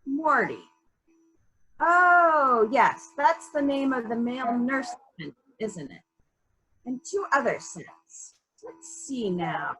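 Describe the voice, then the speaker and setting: An actor voices the probing, methodical female detective in charge of a murder case for a library's dramatic mystery reading, musing deliberately and firing pointed questions in a fairly high, highly animated voice. The mood is musing, the performance heavily acted, and the audio poor.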